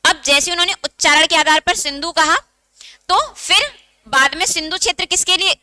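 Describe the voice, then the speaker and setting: A woman's voice: very high-pitched, normal speed, pushed and bright, dry recording. A woman teaching a Hindi exam-prep lecture, asking questions and answering them herself, and dictating note points.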